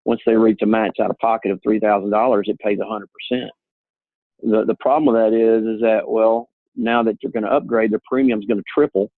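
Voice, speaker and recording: An insurance agent with a husky, gravelly, lowish voice explains how plans work in a casual call, speaking earnestly and plainly, a little fast, with fairly even intonation. The thin, tinny phone line sounds dry, with no room sound.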